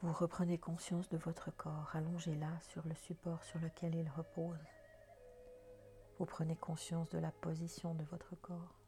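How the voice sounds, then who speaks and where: A woman leading a guided meditation in a soft, half-whispered voice. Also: low voice, completely flat delivery, a little slow. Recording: soft background music.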